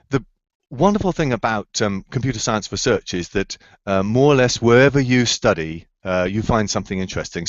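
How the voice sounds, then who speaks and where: A man's voice: on the low side, no room sound. A man on a video call, a researcher answering students' questions enthusiastically, often searching for words with fillers and restarts. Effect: heard over a video call. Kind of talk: explanatory answers in a remote Q&A. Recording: slightly dull, dry video-call audio.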